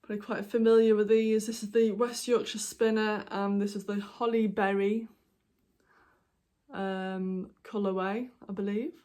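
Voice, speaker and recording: This British woman hosts a knitting podcast, chatting in a meandering, casual way full of ums and apologies as she shows off her projects in a show-and-tell vlog. Her voice is medium in pitch and mellow, delivered flatly at a measured pace, and she has the hiccups.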